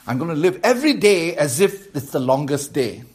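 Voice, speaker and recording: A man's voice: on the high side, sing-song, a little fast, echoey room. A man, preaching a sermon as pastor in a conversational way and putting questions to the congregation. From Malaysia. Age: 50s. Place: church.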